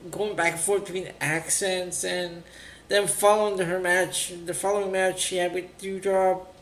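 A man's voice: high-pitched, level tone, normal speed, a bit bright. A man co-hosting a podcast, chatting casually about wrestling. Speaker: podcast co-host. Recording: roomy, echoey sound.

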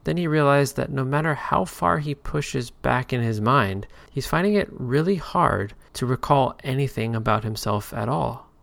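A man narrating a scripted story in a measured, dry manner. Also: mid-range voice, lively intonation, vocal fry, no echo. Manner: measured, dry storytelling with occasional hushed whispers.

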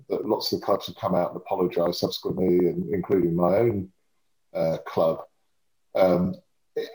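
Low voiced home counties english guy in his 50s chatting in an interview, bit echoey. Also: mellow. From Surrey, England. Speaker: interview guest, lobbying and communications professional. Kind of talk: conversational interview commentary. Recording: echoey room sound.

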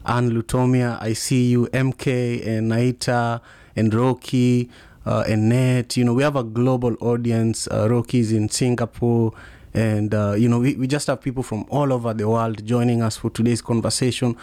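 A man with a strong Kenyan accent hosts a conversational podcast. He grew up speaking Luo and Kiswahili, and his voice sits at a middle pitch in a dry, close recording. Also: flat delivery, normal speed, mellow, no echo. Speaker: podcast host. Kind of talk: casual conversational interview.

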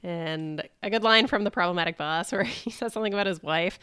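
Smooth low-voiced woman, dry close sound. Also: a little fast, bright, forceful tone, no echo. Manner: laughs often, upbeat recapping. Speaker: podcast co-host. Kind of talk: casual chat.

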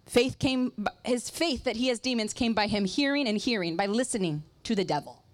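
A woman's voice: medium pitch, animated, fairly quick, dry recording. A woman preaching a sermon with an acted illustration, emphatic and repeating phrases for emphasis.

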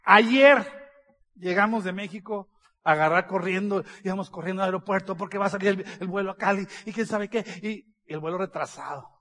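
High-voiced man telling funny stories. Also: normal speed. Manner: animated, acts out dialogue, laughs along. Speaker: business speaker. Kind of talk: humorous storytelling to an audience.

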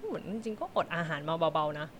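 A woman's voice: deep voice, sing-song, quick pace, a bit bright, slight background noise. Chatty young woman rambling casually. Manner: chatty, rambling, full of fillers. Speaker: podcast guest sharing her fasting routine. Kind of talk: casual chat.

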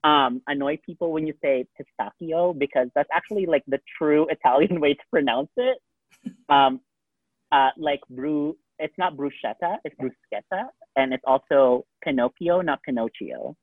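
A man with a slightly high voice co-hosts a podcast, chatting casually at a normal pace. He rambles, leaning heavily on "like" and "um." The dry recording has a tinny, phone-like quality.

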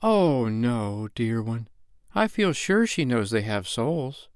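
A man voicing a gentle, lilting mother. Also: mid-range voice, very animated, slow pace, clear, resonant tone, no echo, studio quality. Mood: reassuring. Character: Missus Darling, gentle, placid, wistful wife and mother.

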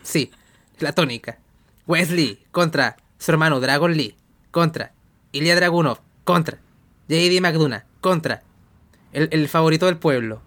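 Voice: medium pitch, unhurried, pauses often, a bit bright. A podcast host with a mid-range voice gives a wrestling commentator's blow-by-blow recap. The delivery is informal and jokey, dotted with colloquial asides and the odd swear word. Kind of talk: wrestling commentator style match recap, casual.

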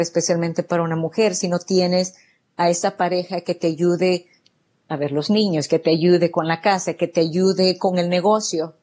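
A real estate business owner from El Salvador answers interview questions as a guest, earnest and grateful. Her voice is fairly low and a little mellow.

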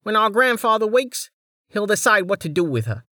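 A man's voice: sits high, sing-song, moderate pace, bright, forceful tone, no echo, studio quality, voice pushed up, exaggerated voice. A man doing a reedy, condescending noble lord. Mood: firm.

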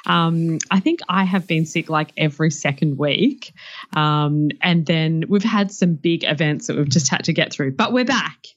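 A woman's voice: sits low, measured pace. A woman with an Australian accent co-hosting a podcast in a casual, conversational style. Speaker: podcast co-host. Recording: slightly dull, lo-fi audio.

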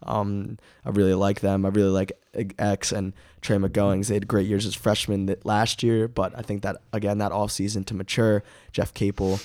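A man hosting a casual sports preview podcast, his voice raspy as he is under the weather with a cough. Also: on the low side, little pitch movement, moderate pace, hardly any pauses, a little mellow, no echo, clean studio sound.

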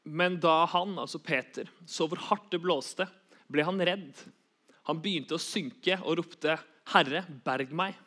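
A man's voice: on the high side, fairly bright tone. A young man giving an earnest sermon, repeating key phrases for emphasis. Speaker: preacher.

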